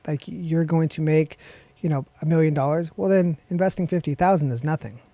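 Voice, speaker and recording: A man's voice: fairly high pitch, a little fast, mellow, no echo. A man hosting a casual interview podcast, friendly and filling his talk with frequent "uh"s. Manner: friendly, filler-heavy with frequent "uh". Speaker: podcast host.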